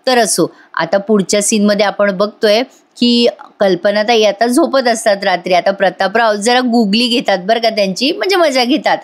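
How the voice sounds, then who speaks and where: A woman's voice: medium pitch, normal speed. A woman giving a chatty voice-over review of a TV serial episode, talking directly to her viewers.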